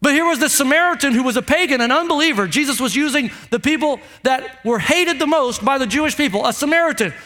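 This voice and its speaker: High-pitched, forceful male motivational preacher, booming delivery. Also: animated, fast talker, hardly any pauses. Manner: emphatic, repeats short phrases, puts rhetorical questions to listeners. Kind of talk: motivational sermon to a congregation.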